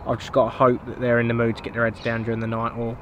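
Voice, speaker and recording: Young english man, flat even delivery, relaxed vlog chat, outdoor camera mic, clear ambient noise. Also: mid-range voice, racing, highs cut off. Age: young adult. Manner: relaxed, understated, steady. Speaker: angler vlogger. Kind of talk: casual vlog narration. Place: outdoors by a lake, in a fishing tent. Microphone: camera mic, seated in front of camera.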